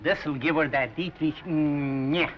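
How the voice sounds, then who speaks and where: A man's voice: on the high side, steady tone, a little slow, slight background noise, lightly acted. An actor playing a fussy, grumbling male makeup artist in a 1930s film. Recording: dull 1930s film soundtrack, far.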